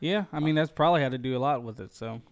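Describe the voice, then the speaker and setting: Man, co-host, casual chat, short agreeable replies, mid pitch. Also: rapid-fire.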